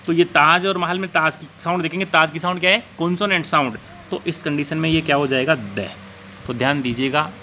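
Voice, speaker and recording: A man's voice: a little high, noisy background. A man teaching an English grammar lesson, asking the class questions and answering them himself while he repeats the key points.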